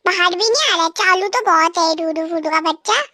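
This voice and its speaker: A woman's voice: very high-pitched, brisk, bright, forceful tone, dry recording, clean studio sound. A woman voicing a sulky young wife in a comedic dub, grumbling to herself.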